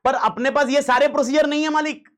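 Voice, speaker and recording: A man's voice: very high-pitched, fairly even intonation, fast talker. A man teaching a class in a casual, slangy way, repeating key points and mixing in English phrases.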